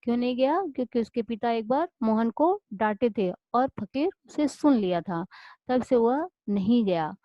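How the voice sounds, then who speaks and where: A woman's voice: on the high side, dry recording. A woman teacher retelling a story and stopping often to explain words, with many restarts. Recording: dull lo-fi dry recording.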